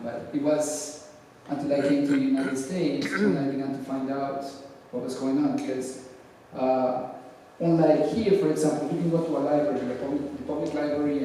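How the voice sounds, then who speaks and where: A middle-aged man from Guatemala, speaking to a congregation and answering an audience question in a measured, thoughtful way with frequent hesitations. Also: medium pitch, dark tone, a little hiss or hum. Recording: echoey hall, voice from far off.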